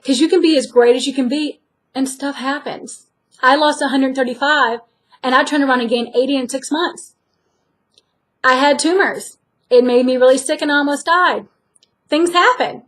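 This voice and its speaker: A woman vlogger talking to camera in an earnest, direct and encouraging way. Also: high voice. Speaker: weight-loss vlogger. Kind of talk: personal talk to camera.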